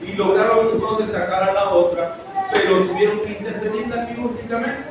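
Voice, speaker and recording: High-voiced preacher in an echoing hall. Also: male voice, fairly even intonation, distant mic. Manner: earnest, storytelling, slows words for emphasis. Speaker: pastor. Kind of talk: emotional preaching sermon. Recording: echoey, dull, noisy from afar.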